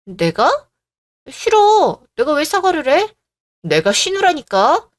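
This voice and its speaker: A woman's voice: high voice, sing-song, moderate pace, no echo, studio quality. A woman voicing a petulant, whining young sister-in-law in a radio drama.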